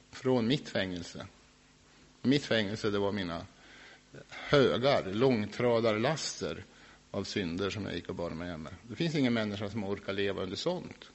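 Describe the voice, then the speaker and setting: A man telling his personal faith testimony about his past drinking, earnest and reflective, now and then laughing softly. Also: lowish voice, slightly rough. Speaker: former alcoholic sharing his faith testimony.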